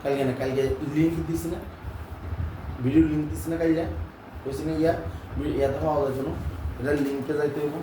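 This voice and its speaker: Male teacher, high voice, drilling lines in a roomy classroom, mic far off. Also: fairly even intonation, brisk, long pauses, noisy background. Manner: keeps checking that students understand; drills lines by repeating them. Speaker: English teacher. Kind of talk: classroom lesson. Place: classroom with students.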